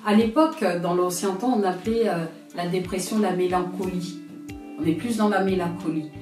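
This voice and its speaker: A French woman in her thirties, an interview guest, gives a personal testimony at a normal pace in a lowish voice. She is reflective and hesitant, searching for words. Music plays in the background, and the roomy recording was made from a distance.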